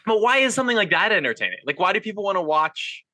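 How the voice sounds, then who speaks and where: A man hosting a podcast, chatting casually and thinking aloud with quick restarts. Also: sits high, sing-song, bright, forceful tone. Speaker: podcast host. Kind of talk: casual chat.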